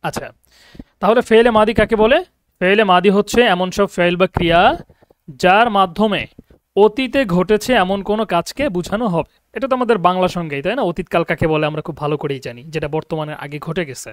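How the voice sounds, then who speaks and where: High-voiced male Arabic teacher, dry. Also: quick pace, smooth, dry recording. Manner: explains patiently, often checks understanding with questions. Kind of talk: online grammar lesson. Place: abroad in Egypt, teaching online.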